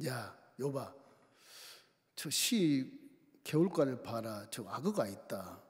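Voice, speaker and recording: A man voicing God as a stern, fatherly deity who questions a man slowly and deeply. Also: very animated, a little mellow. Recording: long church hall reverb.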